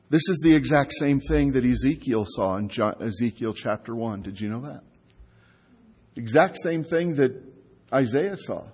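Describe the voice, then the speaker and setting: A man preaching a sermon in a conversational style, asking his listeners rhetorical questions and slowing down to stress key words. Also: mid-range voice, a little mellow, slightly rough, in a large hall. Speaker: pastor.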